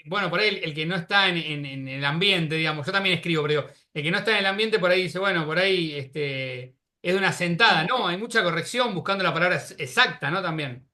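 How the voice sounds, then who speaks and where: A man hosting an interview, supportive and quick with short agreements. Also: high voice, sharp tone. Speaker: interviewer host. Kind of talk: interview conversation.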